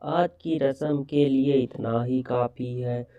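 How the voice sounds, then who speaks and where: A man voicing a gentle, loving mother-in-law. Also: mid-range voice, steady tone, takes it slowly, far from the mic, highs cut off. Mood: tender. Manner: gentle, sweet. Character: kind affectionate middle-aged mother-in-law.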